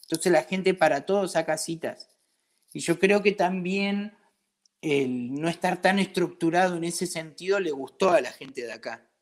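This slightly high-voiced man speaks at a moderate pace with an Argentine Spanish accent. A craft brewery owner from Patagonia, in southern Argentina, he chats colloquially as an interviewee, telling stories and acting out bits of conversation.

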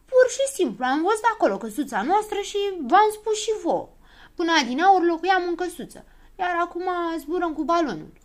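A woman voicing a cocky, excitable and quarrelsome little boy gnome in a storybook reading, often shouting. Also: mid-range voice, natural voice. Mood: excited.

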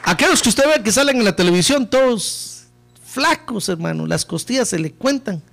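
Male preacher, high and very animated voice, fiery sermon delivery that swings from hushed to shouting. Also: normal speed, creaky, some chatter behind, a little hiss or hum. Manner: impassioned preaching, swings from low murmurs to shouted peaks; keeps addressing listeners as "hermano". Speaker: pastor.

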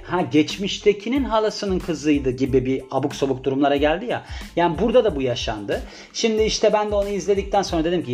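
Young male vlogger, slightly high-pitched, casual and rambling with jokey asides; soft music bed. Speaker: vlogger presenting a celebrity biography. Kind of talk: casual chatty monologue.

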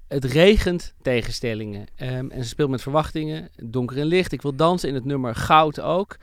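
A man hosting a music podcast in a studio, leading the chat in a lively, animated way. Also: mid-range voice, moderate pace, no room sound. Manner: lively, animated host who leads the talk. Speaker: podcast host. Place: recording studio.

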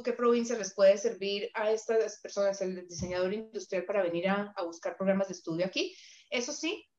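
A woman's voice: medium pitch, a little mellow. A woman from Colombia with a Colombian accent, hosting as an immigration consultant and thinking aloud as she talks. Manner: thinks aloud, searches for words. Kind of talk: casual chat. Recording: roomy, dull call audio.

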